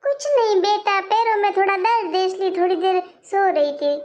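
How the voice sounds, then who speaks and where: A performer playing a soft-hearted elderly mother who gently placates her family in a comic skit. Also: very high-pitched, normal speed, highs cut off. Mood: placating. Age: older.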